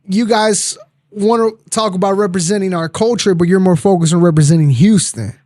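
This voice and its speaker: Male, 30s, Spanish speaker, high-pitched, dry close sound, casual and argumentative slang. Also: fairly quick, a little mellow, no room sound. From Texas, born in Mexico. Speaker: podcast guest. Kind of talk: casual interview talk.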